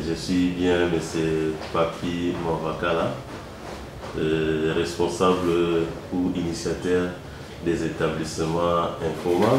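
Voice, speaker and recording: A very deep-voiced man with a Congolese French accent speaks as the founder of a medical centre. He talks in a measured way and often pauses on fillers. The recording is very echoey, with a faint hiss behind him. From Kongo Central, DR Congo. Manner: measured, hesitant with frequent "euh" fillers. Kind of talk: interview answers. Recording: very echoey room.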